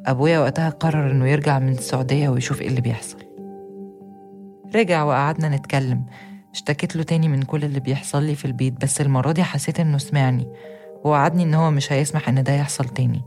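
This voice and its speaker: Young woman, Egyptian accent, scripted first-person narration, rapid delivery, soft music underneath. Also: rumbling low, steady tone. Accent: Egyptian Arabic. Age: young adult.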